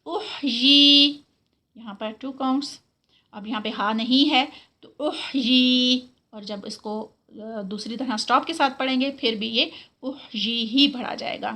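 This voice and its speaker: A woman teaching Quran recitation, saying each word slowly and drawing it out, then explaining it in Urdu mixed with English terms. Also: fairly high pitch, fairly bright tone. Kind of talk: slow instructional lesson, modeling each word.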